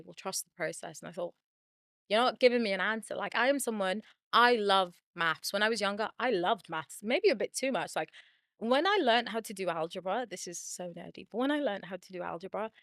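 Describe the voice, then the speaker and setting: A chatty young woman therapist talks to camera at an everyday pitch, quick and loose, laughing between thoughts. The sound is close and completely dry, with no room around her. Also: a bit bright, no echo. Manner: chatty, quick, laughs often, uses like a lot. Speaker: therapist and channel host. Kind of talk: casual talk to camera.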